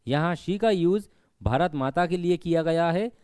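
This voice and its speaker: Male tutor, higher-pitched, clear and dry, methodical exam-prep teacher. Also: unhurried, darkish tone, no echo. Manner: explains step by step, asks and answers his own questions; stresses rote learning with repeated reminders.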